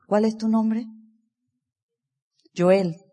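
A woman giving an energetic motivational speech to a live seminar audience, asking listeners direct questions. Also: fairly high pitch, very slow, in a large hall. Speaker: motivational speaker at a business seminar.

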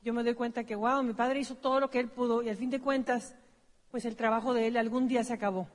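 A Mexican woman tells her own story to a seminar audience and corrects herself as she goes. Her voice sits fairly high. The long reverb of a large hall trails after her words. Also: steady tone, quick pace. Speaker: business seminar presenter. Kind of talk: personal storytelling on stage.

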